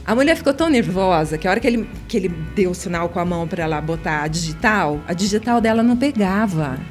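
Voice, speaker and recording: A woman from Brazil, a radio interview guest who tells lively anecdotes, laughs often and acts out the people in her story. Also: lowish voice, quick pace, faint music behind. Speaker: interview guest, writer and singer.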